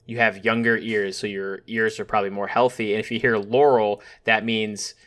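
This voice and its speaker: A young man from Western New York with a nasal voice, hosting a casual podcast chat with fillers and pauses. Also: lowish voice. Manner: relaxed, hesitant with fillers. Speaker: podcast host.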